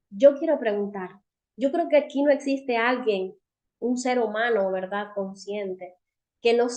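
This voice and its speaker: Woman speaker, warm, slightly high voice, earnest devotional teaching that speaks straight to her listeners. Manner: earnest, asks the audience rhetorical questions; addresses listeners directly as friends and sisters. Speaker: women's seminar speaker.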